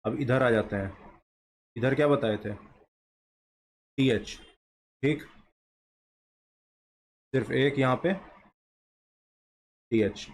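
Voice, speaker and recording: This shorthand teacher is a man with a mid-range voice who draws as he talks, moving slowly and answering his own questions. A little hiss or hum can be heard.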